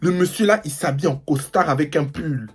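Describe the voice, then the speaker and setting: A young man from the Paris suburbs telling a slangy, animated storytime to his viewers. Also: a little high, brisk, husky, soft background music. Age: young adult. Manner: animated and slangy, mimics people. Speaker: vlogger. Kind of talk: storytime vlog.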